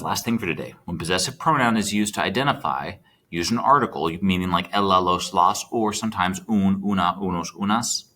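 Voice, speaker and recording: A man's voice: deep voice, pushed and bright. A man teaching a recorded Spanish lesson, chatty and checking in with his students as he types. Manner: chatty, checks in with students, talks while typing.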